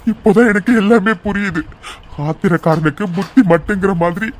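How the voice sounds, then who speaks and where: A remorseful cartoon young man, once bitter and alone, now earnestly apologetic, as a man voices him. His voice sits high for a man. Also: slight background noise, natural voice. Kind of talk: cartoon voice acting.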